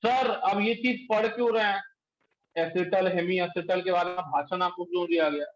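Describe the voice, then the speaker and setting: A male chemistry teacher lecturing a class in speech, quizzing students and pushing them to answer quickly. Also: sits high, fairly even intonation. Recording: echoey room, dull lo-fi sound.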